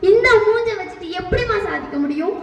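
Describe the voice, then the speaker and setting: A woman's voice: extremely high pitch, expressive, fast, vocal fry, crowd noise, heavily acted. A woman playing a young disfigured woman on stage, pleading and crying out in anguish. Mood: despairing. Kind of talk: stage mono-acting. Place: large festival stage. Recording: echoey hall from far off, dull sound.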